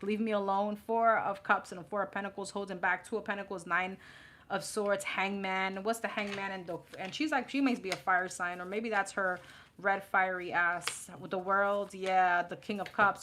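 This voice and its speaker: A woman's voice: medium pitch, fairly even intonation, moderate pace, pushed and bright. Sassy New York tarot reader woman. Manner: blunt, sassy, laughing and chatty. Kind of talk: live tarot reading. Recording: audible background noise with card shuffling.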